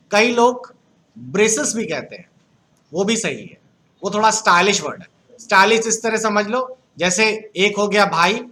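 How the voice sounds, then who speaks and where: Bright high-voiced male computer teacher. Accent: Uttar Pradesh Hindi. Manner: asks the class questions, jokes with students. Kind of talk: classroom lecture.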